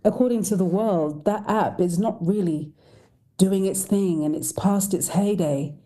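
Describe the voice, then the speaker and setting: A woman's voice: mid-range voice, unhurried, mellow. A woman voice coach, a podcast guest, speaking emphatically with rhetorical questions. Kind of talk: podcast interview.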